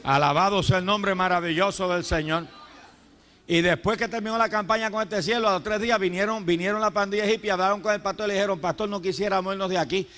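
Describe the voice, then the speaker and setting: A man with a Puerto Rican accent preaches a Pentecostal sermon from the pulpit, his voice sitting high for a man. He speaks fervently, calls out to the congregation again and again, and breaks into praise between his points. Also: steady tone, fast talker, a bit bright. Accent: Puerto Rican Spanish. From Puerto Rico. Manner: fervent, addresses listeners as "hermano", frequent praise interjections. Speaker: pastor. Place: church sanctuary.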